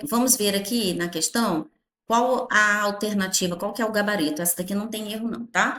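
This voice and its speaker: A Brazilian woman teacher explaining grammar in an animated way, stretching her words and checking in with the class often. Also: mid-range voice, roomy sound. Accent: Brazilian Portuguese.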